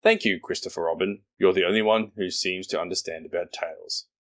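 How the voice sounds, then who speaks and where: A man's voice: sits low, fairly even intonation, a bit bright. A man doing a gloomy grumbling old donkey. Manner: grumbling, slow, complaining.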